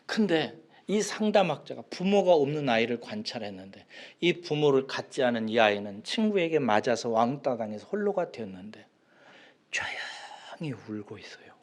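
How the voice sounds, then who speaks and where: A man preaching a sermon as pastor, asking the congregation questions and swinging from loud cries down to near whispers. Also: medium pitch. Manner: asks the congregation questions and acts out a child's cries.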